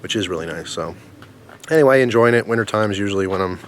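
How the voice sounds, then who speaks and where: A man giving a casual product review in a rambling, halting way, recorded outdoors. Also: on the low side, expressive, a little hiss or hum. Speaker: pipe tobacco reviewer. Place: outdoors in the snow in winter.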